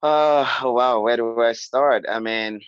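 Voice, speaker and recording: This Cameroonian man, a guest on a podcast, tells his stories slowly and smoothly in a medium-pitched voice, stumbling through fillers and false starts as he chats. There's no room sound, but the audio is dull and lo-fi.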